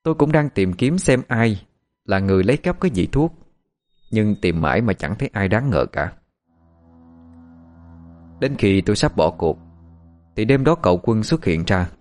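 A man narrating a first-person story in a steady, calm storytelling manner. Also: fairly low pitch, moderate pace, pauses often, faint music behind.

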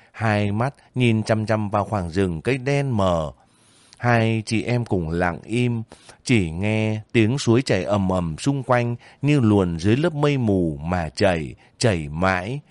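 A man narrating a novel in a slow, measured, descriptive way. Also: lowish voice, a little mellow, no echo, clean studio sound. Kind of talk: audiobook narration.

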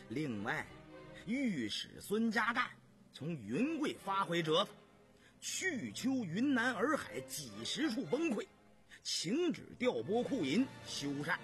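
A man narrating a historical novel in a measured, vividly expressive storytelling style. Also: a little high.

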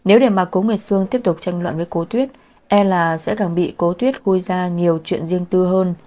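A woman narrating a novel in a steady, measured storytelling manner. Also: fairly low pitch. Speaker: audiobook narrator. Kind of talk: scripted narration.

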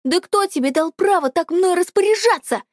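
A woman voicing a hot-tempered young teenage girl who shouts in high, shrill outbursts. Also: lively intonation, moderate pace, no room sound, studio quality.

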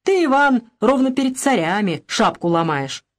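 A woman voicing a fiery, blunt old peasant man who shouts his mind, in a storybook reading. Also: fairly high pitch, big pitch swings, normal speed, pitched above the performer's own voice. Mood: mocking.

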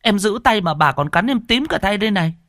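A man's voice: a little high, animated, unhurried, slightly rough, no echo, studio quality, voice pushed up, full character voice. A man voicing an anxious younger sister, flustered and stammering. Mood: upset.

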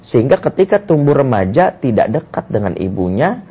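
A man's voice: mid-range voice, sing-song, normal speed, dark tone, slightly rough. A male Islamic lecturer, giving a family lecture and telling stories expressively with frequent "ya".

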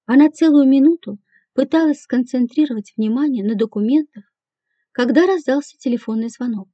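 A woman narrating an audiobook in a measured, even reading voice. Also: high-pitched, no room sound. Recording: dull, dry lo-fi recording.

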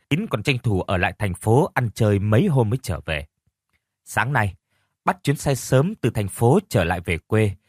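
A man narrating an audio story in a measured, dramatic reading style. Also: on the low side, dry recording, studio quality.

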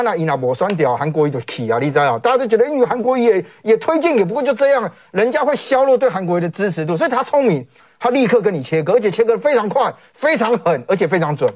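A man with a Taiwanese Mandarin accent giving animated, sarcastic political commentary on a talk show, often mimicking what others said. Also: high voice.

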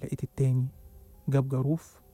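A man's voice: medium pitch, monotone, fast, dark tone, soft background music. A man with an Egyptian Arabic accent narrating a suspenseful first-person horror story. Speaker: storyteller host.

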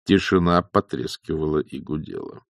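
A man reading an audiobook in a theatrical, lively way. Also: very deep voice, moderate pace, vocal fry, no room sound, studio quality. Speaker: audiobook narrator.

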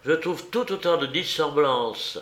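Man reading as a clever, eager detective, raised pitch, lively explaining, slow and roomy audiobook sound. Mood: smug. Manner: quick, animated, explaining. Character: brilliant eager male detective, brisk and pleased with himself.

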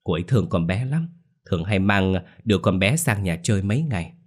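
A man's voice: low voice, animated, a little fast. A man voicing a meek, stammering middle-aged woman. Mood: pleading. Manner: stammering, pleading. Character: timid middle-aged daughter-in-law, pleading and meek.

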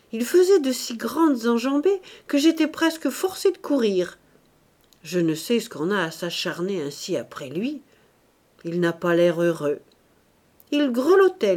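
A woman voicing a patient, gentle middle-aged wife who answers calmly in an audiobook reading. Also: on the low side. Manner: calm, patient, mild.

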